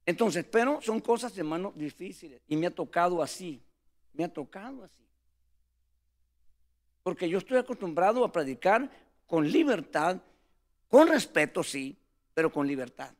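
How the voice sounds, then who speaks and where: A man's voice: high voice, sing-song, normal speed, long pauses. A man who preaches, telling a story about his ministry in an earnest tone and calling his listener "brother" again and again. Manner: earnest, calls listener "hermano" constantly. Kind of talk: storytelling testimony.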